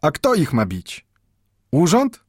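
A man's voice: fairly high pitch, huge pitch swings, husky, no echo, studio quality, pitched above the performer's own voice, exaggerated voice. A man voicing an old grandfather, a stern but tender bookbinder, who speaks emphatically with a Yiddish-inflected Polish accent and repeats his points insistently. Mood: wry. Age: over 60. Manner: emphatic, repetitive scolding with drawn-out exclamations.

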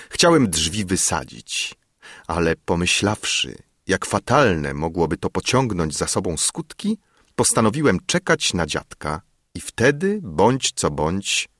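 Man, audiobook narrator, lowish, husky, very lively intonation, dry close sound. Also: unhurried, no echo. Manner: expressive, dramatic first-person reading.

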